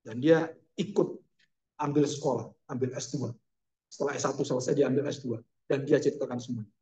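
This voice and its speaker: A man's voice: mid-range voice, steady tone, fairly quick, darkish tone. A man preaching a sermon, telling a story expressively with emphatic exclamations and ending in prayer. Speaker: pastor.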